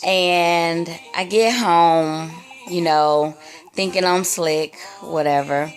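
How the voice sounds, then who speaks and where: A young woman tells a story from her own life in a loose, rambling way, and she keeps leaning on "like" and "you know." She talks slowly in a fairly low voice. Faint music plays behind her. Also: steady tone. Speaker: vlogger telling a personal story. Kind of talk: casual storytime retelling.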